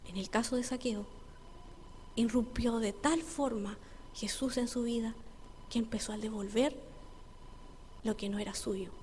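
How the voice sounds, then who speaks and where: Female pastor, fairly high voice, earnest sermon delivery, long church reverb with faint room noise. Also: steady tone, darkish tone. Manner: earnest, preacherly, slows for emphasis. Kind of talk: sermon with storytelling.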